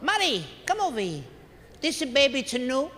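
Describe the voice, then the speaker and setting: A man's voice: very high voice, sing-song, normal speed, pushed and bright, slight background noise, voice pushed up, exaggerated voice. A man voicing a blunt eighty-something aunt who talks in broken English, recorded live with hall reverb. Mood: nosy, teasing. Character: blunt elderly immigrant aunt, woman in her eighties.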